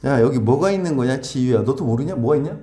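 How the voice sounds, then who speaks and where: A man teaching an English grammar lesson in a classroom, quizzing his students in a brisk way and switching between Korean and English. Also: medium pitch, lively intonation, mellow, echoey room.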